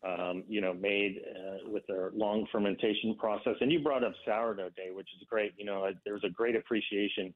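A man's voice: fairly low pitch, steady tone, fairly quick, few pauses. Phone-line man, radio interview guest. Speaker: bakery company representative, interview guest. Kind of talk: conversational radio interview answers. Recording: narrow, tinny phone line.

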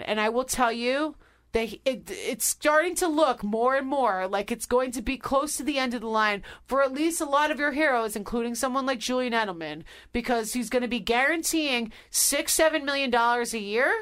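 A woman's voice: fairly high pitch, fairly bright tone. A woman hosting a sports podcast, giving emphatic, fired-up opinions in casual talk. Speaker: podcast host.

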